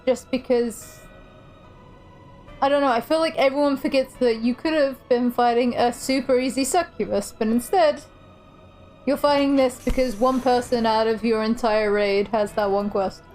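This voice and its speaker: A woman's voice: a little high, fairly even intonation, moderate pace, darkish tone, soft background music, low-quality recording. A young woman streaming a game, chatting casually and self-deprecatingly with friends on a call. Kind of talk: casual chat while streaming.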